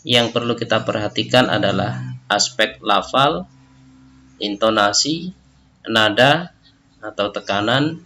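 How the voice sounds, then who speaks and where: This teacher, a man with an Indonesian accent, works through a recorded lesson one step at a time and tags his lines with a questioning "ya". His mid-range voice comes across as pushed and bright.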